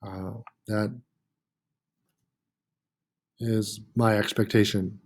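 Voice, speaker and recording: A man's voice: on the low side, flat delivery, extremely slow. A man teaching a French lesson, patiently repeating words with frequent "uh" fillers. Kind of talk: classroom lesson.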